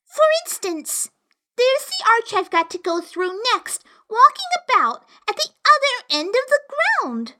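A woman's voice: very high voice, sing-song, unhurried, bright, forceful tone, pitched above the performer's own voice, heavily acted. A woman voicing a curious young girl who complains in a prim, fretful way. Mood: complaining.

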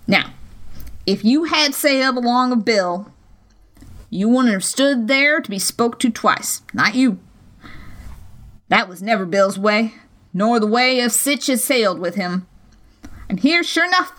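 A woman's voice: mid-range voice, animated, measured pace, long pauses, fairly bright tone. A woman reading an audiobook and voicing a sly, fawning old male pirate who half wheedles and half sneers. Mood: wheedling. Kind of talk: audiobook character voice.

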